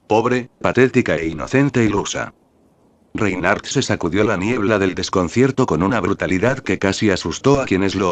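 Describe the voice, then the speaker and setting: A man narrates a fan story with a dry, sardonic edge. His voice is very low-pitched. The sound is dry and close. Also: dry recording. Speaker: fan fiction reader. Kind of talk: scripted narration.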